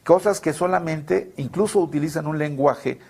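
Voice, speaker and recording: A man speaks as a guest expert on a talk show. His voice sits somewhat high and carries a gravelly, husky edge. He explains in a measured, patient way and often poses rhetorical questions. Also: a little mellow.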